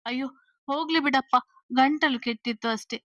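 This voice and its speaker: A woman's voice: on the high side, fairly even intonation, fairly bright tone, no room sound, clean studio sound, lightly acted. A woman voicing a flustered young woman. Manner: hurried, stammering. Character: nervous young woman hiding her boyfriend, flustered.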